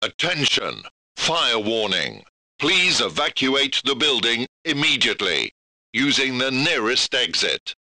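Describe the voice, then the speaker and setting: A man's recorded emergency announcement, played over a voice alarm loudspeaker, loud, slow and deliberate. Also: mid-range voice, sing-song, no room sound.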